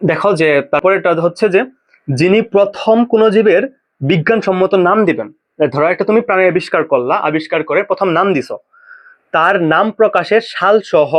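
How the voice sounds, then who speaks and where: Man, slightly raised pitch, casual tutor, repeats terms for drilling. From Bangladesh. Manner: casual, drills pronunciations by repeating them slowly. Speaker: biology tutor. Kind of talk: informal exam-prep lecture.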